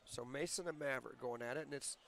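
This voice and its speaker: A man commentating a high school wrestling meet, chatty and explaining rules and team scores. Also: quick pace, creaky, fairly bright tone. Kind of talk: local sports commentary. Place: school gym.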